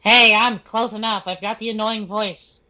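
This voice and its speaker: A woman's voice: mid-range voice, steady tone, moderate pace, pushed and bright, lightly acted, low-quality recording. A woman voicing a brash, cackling goblin warlock with a grating, theatrical, cocky delivery in a tabletop game. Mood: gleeful.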